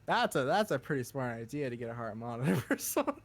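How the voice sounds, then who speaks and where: A man's voice: medium pitch, sing-song, quick pace. A young man from Minnesota with a Minnesotan accent, chatting casually in a rambling way, laughing often and restarting his sentences. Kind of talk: casual chat.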